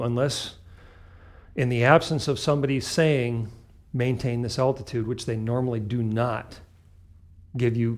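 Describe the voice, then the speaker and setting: A man's voice: medium pitch, a little mellow. A man giving an instructional talk as a flight instructor, explaining step by step in short, emphatic, clipped phrases. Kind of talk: instructional talk with acted radio call examples.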